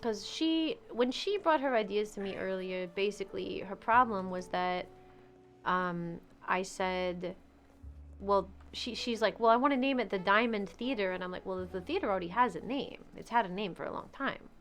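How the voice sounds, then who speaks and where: A woman's voice: medium pitch, moderate pace, a bit bright. A woman in casual role-play chat, talking frankly and swearing freely. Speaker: streamer role-playing a theater owner.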